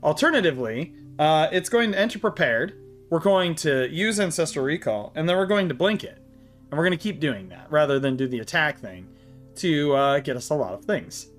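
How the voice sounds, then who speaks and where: A man's voice: on the high side, expressive, faint music behind. Breathless man reading card text. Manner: reads card text aloud, halting with frequent fillers. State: short of breath. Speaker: card game channel host. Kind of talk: deck tech walkthrough.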